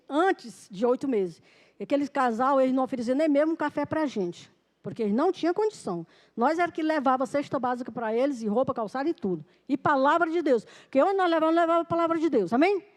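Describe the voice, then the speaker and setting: A woman preacher with a high voice gives a Sunday sermon. She tells her testimony as a story, plays each person's lines in the dialogue, and keeps calling out "Amen?" to the congregation. At key points she slows to a deliberate crawl. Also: darkish tone. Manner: testimony told with quoted dialogue, frequent "Amém?" to the congregation; slows down sharply for emphasis.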